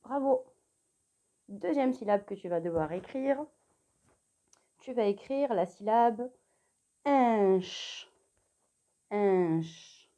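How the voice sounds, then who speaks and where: A young adult woman teaching a remote spelling lesson to young children, dictating clearly and spelling letters one by one, encouraging the child directly. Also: on the high side, expressive, slow pace, long pauses, warm tone. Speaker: primary school teacher.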